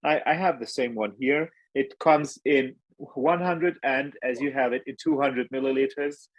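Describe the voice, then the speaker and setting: Guest: unhurried man, halting and modest, dry close sound. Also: medium pitch, dry recording, low-quality recording. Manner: hesitant, many ums, modest. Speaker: hot sauce maker guest. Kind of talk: casual chat.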